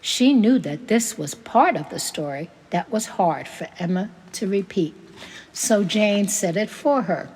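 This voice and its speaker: A woman reading a short story aloud in a slow, gentle manner. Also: mid-range voice, animated, long reverb tail, a little hiss or hum.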